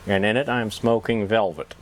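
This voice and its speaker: Low-voiced man talking around a pipe. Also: moderate pace, slight background noise. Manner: folksy, rambling, self-deprecating. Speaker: pipe-smoking YouTube vlogger. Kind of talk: casual chat to camera.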